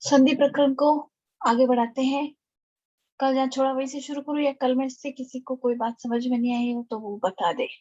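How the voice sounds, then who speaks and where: Woman teaching an online class, high-pitched. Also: fairly even intonation, normal speed, darkish tone, highs cut off. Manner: explaining step by step, checking in with students. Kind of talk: online lecture.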